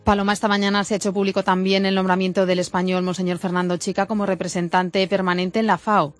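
A woman co-anchor reads radio news items. She moves through them at a quick pace, in a crisp, formal newsreading manner. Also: mid-range voice, level tone, no echo, soft background music.

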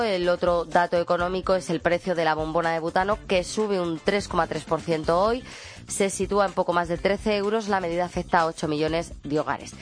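A woman presenting a radio news roundup in a brisk manner, with chatty asides to her co-host. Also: on the low side.

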